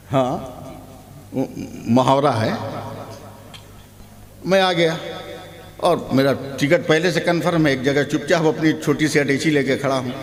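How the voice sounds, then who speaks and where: A man giving a humorous sermon at a public gathering, telling a story and acting out the dialogue, often rising to shouts. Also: mid-range voice. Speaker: Islamic preacher. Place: large hall at a public gathering. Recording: long hall reverb with loud crowd.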